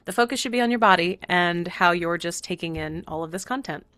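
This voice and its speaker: A woman's voice: on the low side, brisk, a bit bright, no room sound. A woman from Virginia hosting her own spiritual podcast, talking casually in a chatty, rambling way and laughing often. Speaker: podcast host and channeler.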